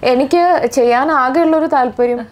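A young actress with a Malayali accent, answering interview questions thoughtfully and hesitantly, with many fillers and restarts. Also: female voice, high voice, normal speed. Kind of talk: casual interview.

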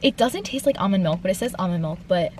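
A woman's voice: mid-range voice, animated, fast, a little mellow, slight background noise. A young woman chatting casually to her camera from inside a car, with lots of "like". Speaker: vlogger. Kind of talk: casual vlog chat. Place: in a parked car. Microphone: phone camera on dashboard.

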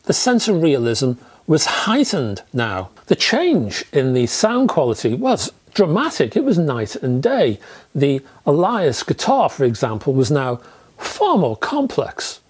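In a small indoor room lined with record shelves, a man in his fifties who reviews audio equipment delivers a scripted product review to camera. He speaks emphatically and conversationally, tossing in rhetorical asides. His husky voice is a little high, swings hugely in pitch, and moves at a measured pace.

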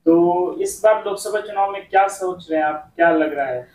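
A man's voice: high-pitched, moderate pace, darkish tone. Off-mic man reporter in a roomy space. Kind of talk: interview questions. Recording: roomy, off-mic with faint noise.

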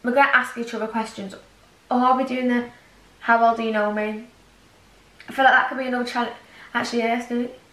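A woman's voice: a little high, little pitch movement, fast, pauses often, bright, forceful tone. A young woman co-hosting a casual eating vlog, chatting in a rambling way full of fillers. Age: young adult. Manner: rambling, filler-heavy, giggly. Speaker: vlog co-host. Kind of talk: casual chat. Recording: echoey room, distant mic.

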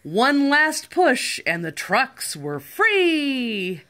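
A sweet older woman, a grandmother reading a children's picture book aloud with deliberate, playful emphasis. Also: sits high, very animated, sharp tone. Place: living room, indoors.

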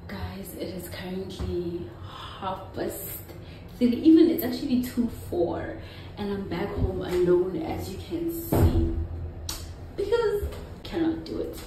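A woman's voice: mid-range voice, very animated, slow pace, reverberant, noisy background. A woman in her twenties from South Africa, vlogging casually to a phone held at arm's length and chatting to her viewers. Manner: chatty, playful, addresses viewers as guys. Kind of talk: casual vlog chat to camera. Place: hotel lift and rooms, indoors.

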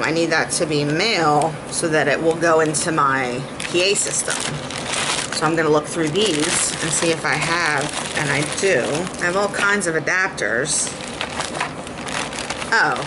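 A beauty and music vlogger in her thirties with a low voice chats casually to her close-range camera mic, thinking aloud in an easygoing way while sorting gear. She moves from a small home kitchen to a home office. Steady background noise, including rain and thunder outside, sits under her voice.

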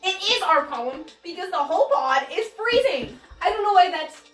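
A woman's voice: extremely high pitch, expressive, normal speed, a bit bright. A young woman playing a spoiled, whiny rich girl who leans on her father's money, in a comedy skit. Her voice is heard from a distance in an echoey room, with music behind. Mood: defensive. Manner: whiny and self-absorbed. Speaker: college roommate in a comedy skit.

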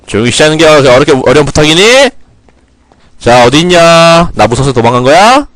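A man's voice: on the high side, big pitch swings, a little fast, fairly bright tone, dry recording. A young man casually commenting while he plays a game, joking with viewers and ranting at the characters in mock anger. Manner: joking, talks to himself and viewers, mock scolding rants. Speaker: game streamer.

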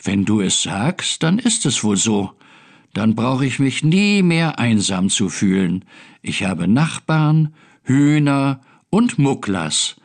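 Man playing calm old farmer, kindly, slow, gravelly, storybook game. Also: medium pitch, heavily acted. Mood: content.

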